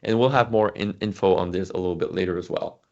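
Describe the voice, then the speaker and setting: The recording is lo-fi, carrying a low, gravelly, slightly mellow male voice that moves at a quick pace. He's a French-speaking Excel instructor walking through a spreadsheet demo over screen share, casual and self-correcting, with lots of fillers and false starts.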